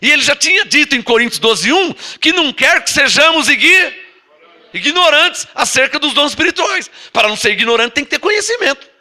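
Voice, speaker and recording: In a Bible-teaching sermon, a Brazilian-accented apostle draws out his scripture readings slowly, then turns emphatic in explaining them, prodding the congregation with rhetorical questions. He has a very high voice that sounds pushed and bright, with lively intonation.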